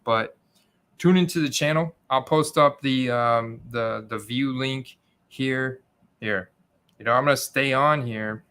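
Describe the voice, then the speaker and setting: A man's voice: medium pitch, sharp tone. A man hosting a livestream, chatting casually and informally with his viewers. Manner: informal, addresses viewers as guys. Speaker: livestream host.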